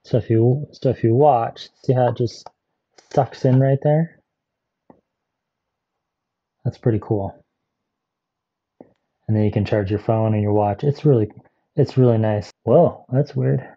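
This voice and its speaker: A man's voice: medium pitch, measured pace, pauses often, muffled recording. A man chatting casually through a gadget review vlog, rambling with asides as he tries out devices.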